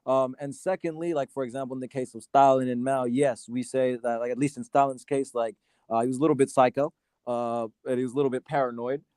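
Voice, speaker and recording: A man from Sudan arguing his side in a casual debate, halting often with fillers and restarts. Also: mid-range voice, steady tone, darkish tone, smooth, dry recording. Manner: hesitant, many fillers and restarts. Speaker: debate guest.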